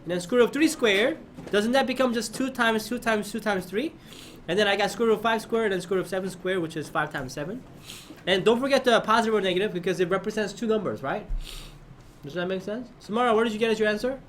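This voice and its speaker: A man's voice: high-pitched, fast talker, slight background noise. A man teaching a math lesson to his class, often prompting students with questions and checking that they follow.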